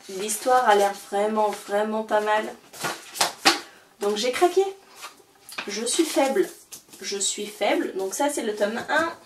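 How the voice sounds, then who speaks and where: A woman's voice: mid-range voice, slight background noise. Chatty young woman in a roomy space. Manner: chatty, enthusiastic, many fillers. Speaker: book vlogger. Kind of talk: casual book haul vlog. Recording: roomy, a little far from the mic.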